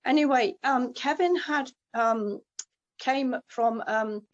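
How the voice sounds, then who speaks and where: A woman's voice: high-pitched, takes it slowly. A middle-aged woman giving a casual, anecdotal testimonial as a host, chatty and digressive. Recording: muffled lo-fi call audio.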